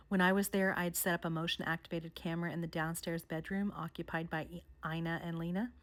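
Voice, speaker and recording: A woman vlogger narrating a countdown of haunted places in a measured storytelling way. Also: lowish voice. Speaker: paranormal vlogger. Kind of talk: scripted narration.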